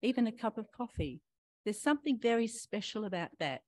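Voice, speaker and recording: An older woman preaching a gentle, reflective sermon, talking straight to her listeners and asking them questions. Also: a little high, animated, brisk, dry recording. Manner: warm questioning, talks to listeners directly.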